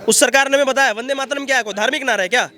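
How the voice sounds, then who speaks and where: A man giving a heated, forceful street interview outdoors, repeating himself as he argues. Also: very high-pitched, rapid-fire, a faint crowd. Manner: forceful, repetitive ranting. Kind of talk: heated street vox pop.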